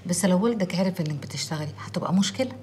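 A middle-aged actress with an Egyptian accent playing a motherly landlady who gently questions a young tenant in a TV drama. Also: on the low side, expressive, racing, slight background noise, close to an everyday voice. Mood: concerned. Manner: motherly, concerned. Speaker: landlady of a women's residence. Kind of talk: TV drama dialogue.

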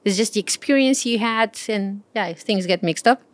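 A Portuguese woman in her thirties, a travel blogger, chats casually as an interview guest with a Portuguese accent. She is soft-spoken and hesitant and laughs often, speaking at a normal speed in a medium pitch. There's no echo.

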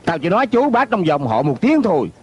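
A man's voice: high voice, very animated, a little fast, a little mellow, a little hiss or hum. A man dubbing an arrogant young heir in a TV drama, blustering and insulting. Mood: bullying. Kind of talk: dubbed TV drama.

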